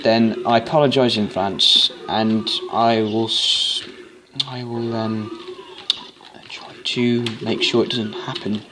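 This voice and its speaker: A man's voice: on the low side, steady tone, slow pace. A man giving rambling, foul-mouthed commentary over his game playthrough. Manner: swearing, rambling and joking. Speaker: gamer. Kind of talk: let's play commentary. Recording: noisy home recording.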